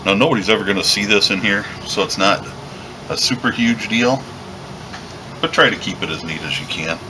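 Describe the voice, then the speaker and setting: A very deep-voiced man talks through a leathercraft job in a calm, step-by-step way as he works. He is recorded at his workshop bench, with a steady air conditioning hum clearly audible behind him. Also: normal speed. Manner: relaxed, step-by-step explaining while working. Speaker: leatherworking instructor. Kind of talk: hands-on craft tutorial.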